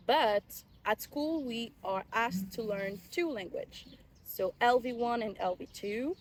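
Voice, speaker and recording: A woman's voice: fairly high pitch, lively intonation, measured pace, a little hiss or hum. A woman from Reunion Island, hosting a casual chat outdoors in a park and steering the questions. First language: French. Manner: chatty, giggly, steering the questions. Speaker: host.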